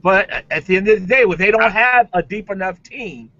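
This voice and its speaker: A man hosting a sports talk show, arguing his points in a casual, animated debate. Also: high-pitched, brisk, no room sound, dull audio.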